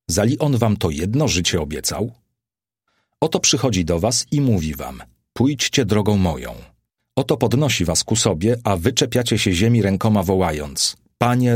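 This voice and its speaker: A man's voice: lowish voice, husky, dry recording, clean studio sound. A man voicing an aged male apostle who preaches with solemn, exalted fervour in an audiobook. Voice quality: solemn, rising to exalted declamation. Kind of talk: audiobook character reading.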